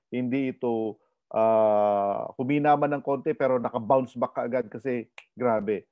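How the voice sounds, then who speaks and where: Energetic Filipino male seminar presenter, lively delivery, dry and muffled webinar sound. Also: mid-range voice, no echo. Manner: animated, asks the audience questions, code-switches. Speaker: online orientation presenter. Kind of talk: energetic business seminar talk.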